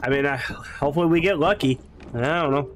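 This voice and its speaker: Man, casual gaming stream, slightly high voice, faint hiss behind, rambling and hopeful. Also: fairly quick. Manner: chatty, hopeful, repeats himself.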